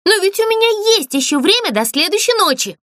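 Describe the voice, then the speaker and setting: Woman doing a vain doll actress, shrill, theatrical, very high and sing-song, dry close sound. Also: sing-song, a little fast, fairly bright tone, dry recording, exaggerated voice. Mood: pleading.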